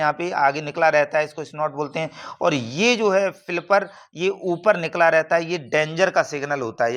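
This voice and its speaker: High-voiced male biology tutor. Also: fairly bright tone. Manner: repeats terms and asks the class questions; frequent "theek hai na" checks. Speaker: biology teacher. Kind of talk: exam-prep lecture.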